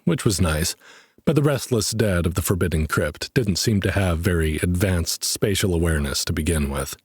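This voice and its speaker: Man, very low voice, husky, dry close sound, steady audiobook narration. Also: dry recording. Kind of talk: scripted narration.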